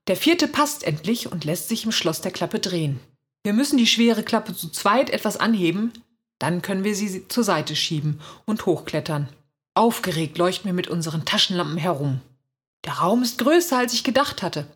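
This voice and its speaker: Husky woman reading a storybook. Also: on the low side, moderate pace. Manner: lively, expressive reading. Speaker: reader. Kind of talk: first-person storybook narration.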